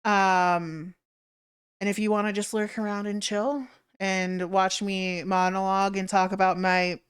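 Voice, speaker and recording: A woman's voice: mid-range voice, flat delivery, unhurried, clear, resonant tone. A woman hosting a game livestream, talking casually in a monologue to her viewers.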